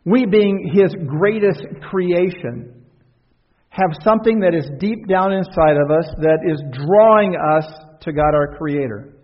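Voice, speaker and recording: A man's voice: high voice, measured pace. A male pastor preaching a conversational sermon, asking the congregation rhetorical questions and letting his voice swell and drop. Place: church sanctuary. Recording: dull recording in a reverberant church hall.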